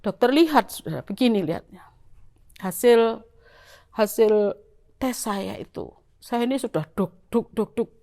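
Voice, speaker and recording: A woman's voice: fairly high pitch, unhurried, pauses often. Middle-aged Javanese-accented woman giving testimony. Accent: Javanese-influenced Indonesian. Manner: lively storytelling, addressing the congregation. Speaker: church member giving testimony. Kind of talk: church testimony.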